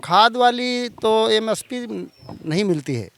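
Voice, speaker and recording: A man's voice: high-pitched, expressive, slow pace, fairly bright tone. A village man answering a reporter outdoors in short, plain sentences about farming troubles. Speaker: farmer interviewee. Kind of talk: outdoor interview.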